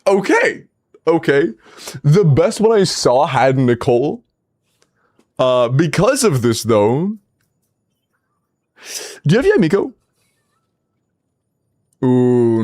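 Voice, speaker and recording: This streamer in his twenties speaks extremely slowly with long pauses, his mid-range, darkish voice full of lively intonation. He's casually reviewing game accounts on a livestream, teasing chat and laughing often.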